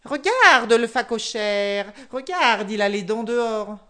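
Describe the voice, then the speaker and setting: A woman's voice: medium pitch, animated, a little slow. A storyteller voicing a clever little male hare who chants in a sing-song voice. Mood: sly chanting.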